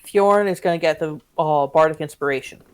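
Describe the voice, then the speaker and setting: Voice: medium pitch, a little fast, clean tone. A player at a tabletop game who talks casually, thinking aloud and hesitating with many fillers. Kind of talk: casual game play talk.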